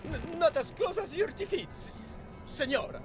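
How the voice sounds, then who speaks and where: An actor playing a bumbling, boastful young masked vigilante in a video game, grandiose and mock-archaic, stammering when flustered. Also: male voice, extremely high pitch, expressive, normal speed, music in the background. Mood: theatrical bravado. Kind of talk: cartoonish swashbuckling game acting.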